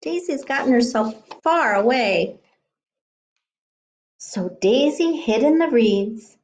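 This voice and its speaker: A woman teacher with a slightly high voice reads a picture book aloud to children. She is gentle and expressive, stopping now and then to ask them questions.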